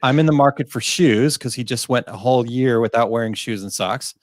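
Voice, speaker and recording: A man's voice: mid-range voice, brisk, no room sound, studio quality. Jokey man reading viewer questions. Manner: jokey, laughs often, reads questions aloud. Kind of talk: casual live Q&A chat.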